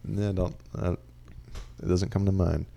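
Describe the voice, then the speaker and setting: A man's voice: deep voice, level tone, unhurried, vocal fry, mellow, a little hiss or hum. A young man co-hosting a podcast in casual chat, with dry, teasing banter. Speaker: podcast co-host.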